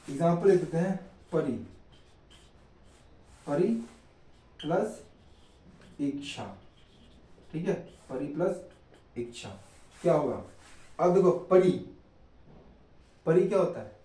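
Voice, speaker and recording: A man's voice: a little high, mellow, echoey room, distant mic, rough recording. A man teaching a grammar lesson, asking questions and answering them himself and checking in often with his students.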